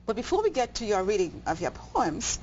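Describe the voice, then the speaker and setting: A woman from the Bahamas hosts a cable TV interview, hesitating with many ums and restarts. Her medium-pitched, slightly mellow voice is very animated and brisk, and the audio is dull with faint noise.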